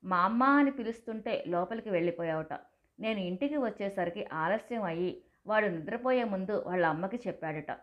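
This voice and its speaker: A grown son boils over with rage, his speech loud, harsh and full of scorn, as a woman storyteller puts him on. The sound is a touch dull and lo-fi. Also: mid-range voice, moderate pace, lightly acted. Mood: furious, scornful. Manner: shouting, accusing.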